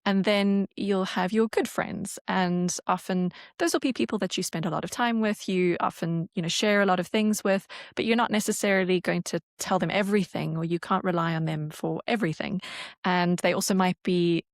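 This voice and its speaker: A woman's voice: on the low side, fairly even intonation, moderate pace, no echo, clean studio sound. A woman co-hosting a podcast, explaining her ideas in a thoughtful, casual chat. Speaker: podcast co-host.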